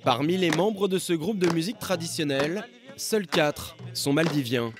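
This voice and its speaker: A man narrating a television documentary report in a measured, scripted voice-over. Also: a little high. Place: studio voice-over. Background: music.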